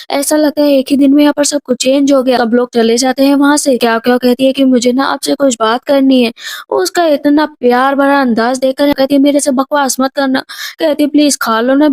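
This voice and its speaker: Brief: high-pitched woman, drama recap narrator, voices characters in passing, dry close sound. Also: darkish tone, no room sound. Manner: quick narration, briefly voicing each character's lines.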